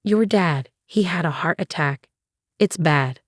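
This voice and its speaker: A woman's voice: lowish voice, a little slow, no room sound, clean studio sound. A woman voicing an aunt breaking terrible news in a shaky, choked way in a story. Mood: grieving.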